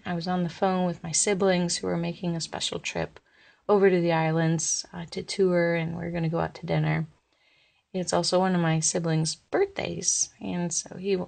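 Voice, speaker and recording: A young woman casually telling her own ghost story, rambling and animated, with plenty of fillers. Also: fairly low pitch, creaky. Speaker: listener sharing a ghost story.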